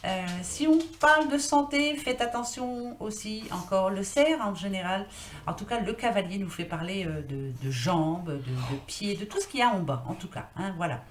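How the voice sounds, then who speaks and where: A woman's voice: medium pitch, expressive, moderate pace. Chatty woman reading cards in an echoey room. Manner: chatty, rambling, thinks aloud with many fillers. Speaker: tarot card reader. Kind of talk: casual card-reading vlog. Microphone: built-in computer mic. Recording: echoey room, faint noise.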